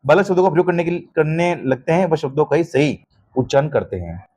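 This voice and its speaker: A man's voice: a little high, expressive, quick pace, a little mellow, breathy edge. A man teaching an exam-prep lesson, constantly checking understanding with short questions and calling students "beta". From Rajasthan.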